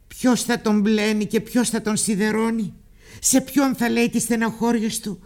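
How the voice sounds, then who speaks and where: High-pitched male narrator for a literary audiobook, emotional first-person delivery. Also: vocal fry.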